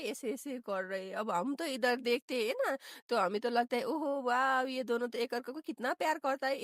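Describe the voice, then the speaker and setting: High-voiced gossipy young woman commentator. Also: dry recording, clean studio sound. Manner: gossipy, exclaiming, mixes English words. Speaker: reality show commentator. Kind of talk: casual reaction commentary.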